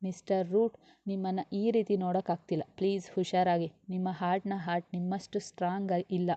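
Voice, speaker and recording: A woman voices a gentle young wife in a storybook tale, soft and pleading. Her voice is mellow and the recording is dry and a little dull. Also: fairly low pitch, level tone, fairly quick, no echo, natural voice. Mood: tender. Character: gentle young wife by a sick husband's bed.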